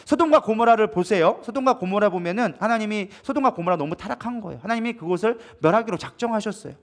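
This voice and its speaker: Animated high-voiced male pastor preaching. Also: fast talker. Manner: animated, asks the congregation questions and acts out dialogue. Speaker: co-lead pastor. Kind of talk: prayer-meeting sermon.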